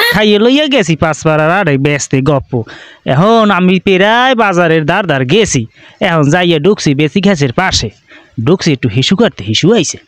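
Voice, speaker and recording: Man doing a rustic villager, boastful, excitable, high voice. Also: no room sound. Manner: excitable, boastful storytelling in rural dialect.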